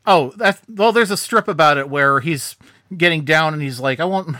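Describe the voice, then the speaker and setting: Lively bright-voiced man, joking. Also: on the high side, moderate pace, dry recording. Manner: animated, jokey storyteller. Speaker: podcast co-host. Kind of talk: casual chat.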